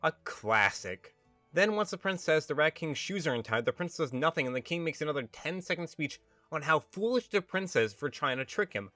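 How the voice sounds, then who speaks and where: Male video reviewer, bright sharp tone, sarcastic, exasperated ranting, comedic movie commentary, dry close mic. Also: a little high, animated, fairly quick, few pauses, dry recording, faint music behind.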